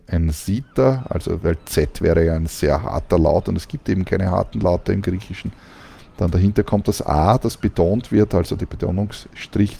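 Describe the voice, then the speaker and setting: Low gravelly man explaining pronunciation. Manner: calm, explanatory, with frequent fillers. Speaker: language teacher.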